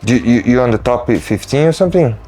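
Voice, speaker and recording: Halting non-native man in his thirties. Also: mid-range voice, animated, mellow, faint music behind. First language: not English. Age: 30s. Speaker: podcast host. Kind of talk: casual interview chat.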